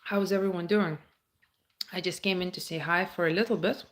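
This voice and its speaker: A woman talks into her phone on a live stream, her voice sitting a little low. She chats casually and reads viewers' comments aloud before answering them. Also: fairly even intonation, normal speed. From Baltic states.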